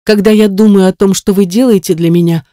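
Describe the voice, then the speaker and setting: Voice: medium pitch, fairly even intonation, fairly quick, dark tone, no echo, clean studio sound, natural voice. A reader voicing an anxious mother, grieving over her sick son and pleading tearfully, in an audiobook. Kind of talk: audiobook character reading.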